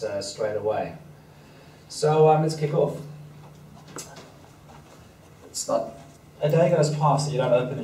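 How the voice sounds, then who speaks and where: Speaking in a dark-toned, mid-range voice, a Danish-native man raised in Africa delivers a self-deprecating, conversational seminar talk with a slight foreign accent. His audience fills an event hall, and the recording comes across as noisy, roomy and far off.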